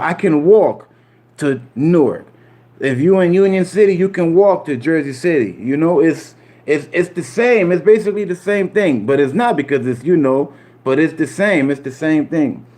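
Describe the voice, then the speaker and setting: He's a streamer from Puerto Rico with a fairly high, slightly mellow voice, speaking at a moderate pace. In rambling, casual talk to his live chat, he leans on street slang, says things more than once, and tosses in "you feel me."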